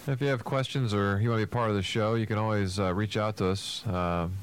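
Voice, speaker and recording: Low-voiced man co-hosting, noisy background. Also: steady tone, brisk. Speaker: radio show co-host and business coach. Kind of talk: casual radio talk show chat.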